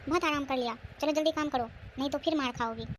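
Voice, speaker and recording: A woman voicing a cruel, bossy sister-in-law who nags and scolds loudly in a cartoon. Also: sits high, fast talker, a little hiss or hum, natural voice. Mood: scolding. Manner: harsh, nagging, loud.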